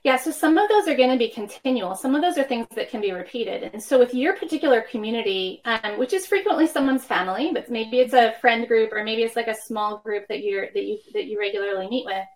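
A woman's voice: fairly high pitch, lively intonation, fast, hardly any pauses, rough recording. A woman in her fifties, a worship professor speaking as a podcast guest, explaining ideas reflectively through personal anecdotes. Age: 50s. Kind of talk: conversational podcast interview.

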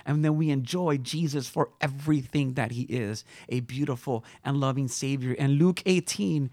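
A man's voice: medium pitch, moderate pace, a little mellow, no room sound. A man preaching a conversational sermon, reading scripture, asking his listeners rhetorical questions and closing in prayer. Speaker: pastor.

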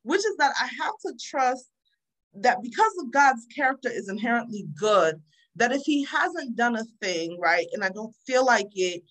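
A woman's voice: a little high, big pitch swings, normal speed, fairly bright tone, low-quality recording. A woman speaking as a podcast guest in a casual faith conversation, earnest and testimonial, sometimes repeating words as she thinks.

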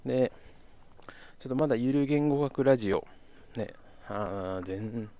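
A man's voice: medium pitch, unhurried, dark tone. A young man from Kyoto with a slight Kansai intonation, hosting a casual solo podcast and talking in a rambling way, correcting himself and chuckling. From Kyoto, Japan. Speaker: podcast host.

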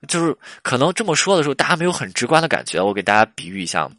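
Fast, chatty male advice host. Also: medium pitch, very animated, bright, forceful tone, dry recording, studio quality. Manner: chatty, laughs at his own stories, rhetorical questions. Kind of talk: casual advice monologue.

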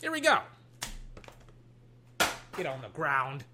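A young, excitable card-opening vlogger with a slightly hoarse voice gives casual commentary while opening card packs at an indoor desk. He speaks slowly, swings between loud hype and low muttering, swears casually, and trails off before restarting, with a noisy background.

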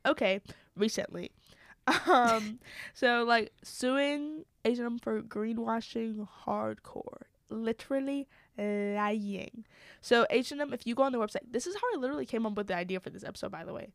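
A woman's voice: a little high, moderate pace, creaky, dry recording. A young woman co-hosting a casual podcast chat, talking loosely with many fillers and laughs while her mic cuts in and out. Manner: chatty, lots of fillers and laughs. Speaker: podcast co-host. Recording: dry, mic cutting in and out.

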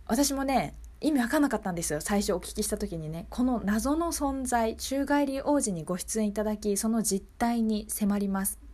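A local radio host with a medium-pitched, slightly mellow voice talks to listeners from the studio. Her manner is polite and conversational, and she repeatedly seeks their agreement.

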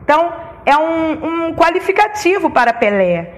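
A woman's voice: very high voice, very animated, moderate pace. A woman teacher with a Brazilian Portuguese accent, giving a recorded lesson and explaining step by step, naming each comma aloud.

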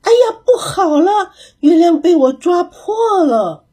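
A woman voicing an excitable little male monkey in a children's story, crying out in a high, panicky voice. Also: a little slow, breathy edge, exaggerated voice. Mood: panicked. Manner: shrill, panicky cries.

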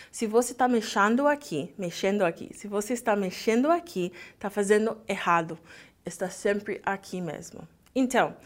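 Woman teaching in Portuguese. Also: medium pitch. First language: English. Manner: lively, switches between Portuguese and English. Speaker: English teacher. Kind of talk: language lesson, explaining lyrics.

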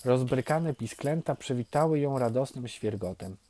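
A man telling a fairy tale in a gentle, expressive way. His voice is mellow and soft. The pitch rises and falls with lively movement. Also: moderate pace, slight background noise. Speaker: storyteller.

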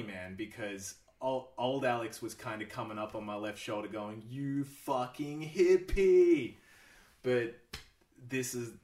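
Male podcast guest, very low voice, relaxed and profane, laughs a lot, echoey room, sits back from the mic. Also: distant mic. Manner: laid-back, swears a lot, laughs often. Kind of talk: casual chat.

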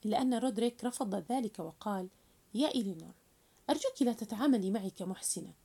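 Female storyteller, lively pitch, mellow tone, retelling a novel. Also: fast talker, gravelly, slightly rough. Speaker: narrator.

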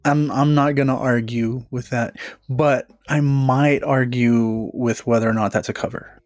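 A man's voice: medium pitch, steady tone, measured pace, darkish tone, dry recording. A man hosting a podcast in casual chat, playfully argumentative and enthusiastic about music. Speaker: podcast host.

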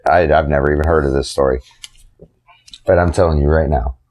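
A man's voice: a bass voice, darkish tone. A man co-hosting a podcast, talking bluntly and rambling in casual chat, swearing freely. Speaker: podcast co-host.

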